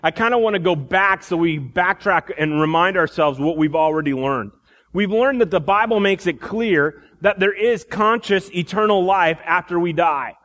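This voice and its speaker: Male preacher, pulpit microphone, slightly high voice, long church reverb, loose teaching manner. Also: moderate pace. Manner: relaxed teaching tone, frequent restarts. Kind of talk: sermon.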